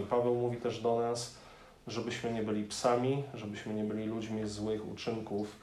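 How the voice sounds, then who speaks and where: Male preacher, lively emphatic sermon delivery, recorded in an echoey room. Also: lowish voice. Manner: lively, emphatic, addresses listeners directly. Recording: echoey room, faint noise.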